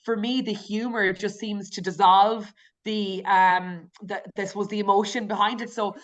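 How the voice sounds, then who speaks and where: A woman's voice: medium pitch, steady tone, a little slow, lo-fi sound. A woman with an Irish accent, a podcast guest talking candidly and reflectively, with frequent restarts and fillers. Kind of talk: candid conversational interview.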